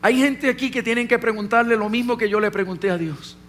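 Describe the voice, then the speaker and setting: A man's voice: extremely high pitch, fairly quick, fairly bright tone, slight background noise. A man who is a pastor preaching a sermon, telling a personal story and speaking directly to his congregation.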